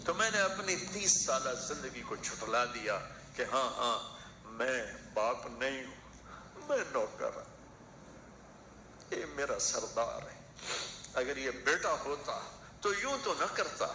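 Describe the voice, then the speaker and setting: A man's voice: medium pitch, sing-song, sharp tone, slight background noise. A man preaching an emotional sermon in rhythmic, repeating phrases. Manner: impassioned, rhythmic repetition. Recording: echoey hall with faint ambience.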